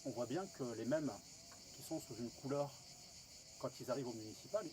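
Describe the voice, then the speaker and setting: A man's voice: mid-range voice, brisk, background noise. A French man asking questions in an interview, hesitant, with many fillers and false starts.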